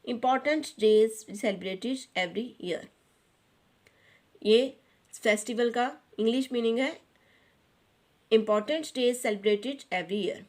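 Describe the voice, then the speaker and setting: A woman teacher with a Pakistani accent, explaining a children's English textbook lesson and translating each English line into Urdu. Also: fairly high pitch. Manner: reads English lines slowly, then translates each into Urdu.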